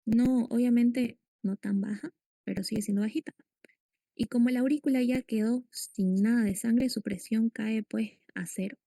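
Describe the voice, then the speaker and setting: A woman's voice: on the high side, fairly even intonation, normal speed, vocal fry, dark tone, no room sound. A woman giving a medical lecture, explaining step by step and quizzing her students. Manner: explanatory, asks students questions.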